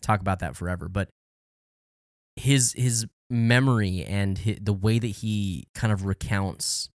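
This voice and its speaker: A lower-pitched man co-hosting a podcast, earnest and casual, who often restarts his sentences. The recording is dry and close, with little room sound. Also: a little slow, no echo. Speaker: podcast co-host.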